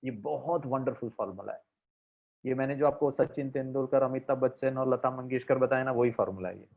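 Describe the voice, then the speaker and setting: A middle-aged man from India who works as a life coach, giving an animated motivational talk. He speaks to his audience directly with rhetorical questions and swings widely between loud and soft. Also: brisk, creaky, phone-quality sound. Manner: animated, emphatic, with big swings of pitch and loudness. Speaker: life coach and corporate trainer.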